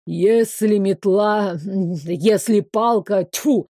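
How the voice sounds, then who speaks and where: A woman's voice: mid-range voice, drawn-out words, dark tone, no room sound. Exasperated male magic-school professor, done by a female narrator, lecturing tone, close dry read. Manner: lecturing, flustered scolding.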